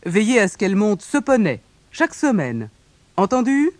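A reader voicing a loud bossy mayor. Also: male voice, huge pitch swings, moderate pace, no room sound. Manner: loud, commanding, raised pitch. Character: pompous bossy rich middle-aged village mayor. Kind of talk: storybook reading.

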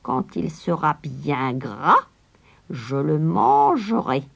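A woman voicing a wicked, half-blind old witch with a shrill, drawn-out, scolding voice. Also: very animated, gravelly, slightly rough, heavily acted. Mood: gloating scolding.

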